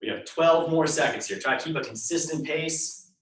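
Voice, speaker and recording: Echoey male fitness instructor, slightly high voice. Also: moderate pace, fairly bright tone. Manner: clear step-by-step cueing, repeating short instructions. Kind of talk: live workout instruction and counting down reps. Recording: echoey room, voice far from mic.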